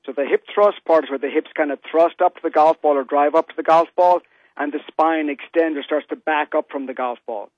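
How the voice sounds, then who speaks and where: An Irish man with a slightly high, fairly even voice talks a little fast as an interview guest, explaining things conversationally. He's a golf fitness entrepreneur heard over a dull, muffled telephone line on the radio, with no room sound.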